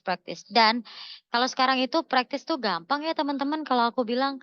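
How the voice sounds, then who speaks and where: Woman webinar speaker, smooth and clear, muffled online call audio, encouraging and emphatic. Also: medium pitch, dry recording. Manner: repeats key words for emphasis, lively and encouraging. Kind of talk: coaching talk answering questions.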